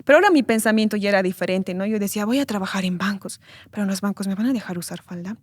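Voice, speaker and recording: A young woman giving an earnest, emotional personal testimony as an interview guest, speaking haltingly and often repeating words. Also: mid-range voice, no room sound, clean studio sound. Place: church recording studio.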